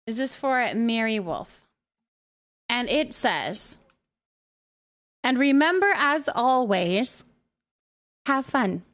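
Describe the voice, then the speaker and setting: A woman with a fairly high, bright voice hosts a casual live stream, reading viewer messages aloud and answering them. She's affectionate and reassuring, calling her listeners by endearments.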